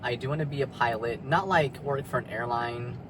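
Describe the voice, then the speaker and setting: Sitting in his parked car, a young vlogger talks briskly at medium pitch, rambling through a confessional, personal video peppered with fillers and curses. The background is noisy.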